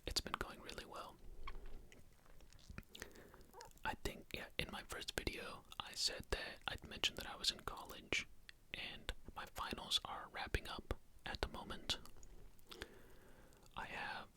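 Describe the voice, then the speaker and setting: A young adult speaks in a hushed ASMR whisper, with no real voice behind the words. The delivery is casual and rambling, like an unscripted chat, close to the microphone. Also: normal speed. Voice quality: unvoiced whisper. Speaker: ASMR video creator. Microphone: close Blue Yeti USB microphone.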